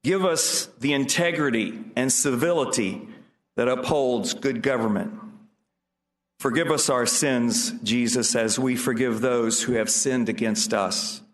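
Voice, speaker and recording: A man, a pastor, leading a formal public prayer with solemn, measured phrasing. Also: mid-range voice. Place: large indoor legislative chamber. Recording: echoey room.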